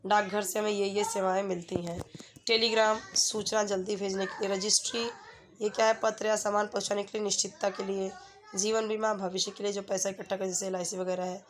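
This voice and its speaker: Woman tutor, flat even delivery, patient and repetitive, faint room noise. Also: medium pitch, a little fast. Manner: patient, repeats "ठीक है" often, gives everyday example sentences. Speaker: teacher. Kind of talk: explaining a Hindi workbook lesson to students.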